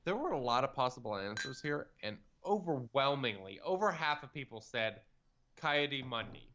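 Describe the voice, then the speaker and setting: A man's voice: medium pitch, very animated, normal speed, sharp tone, dull audio, slight background noise. A man co-hosting a podcast, chatting casually and rambling through lots of fillers. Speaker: podcast co-host. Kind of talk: casual chat.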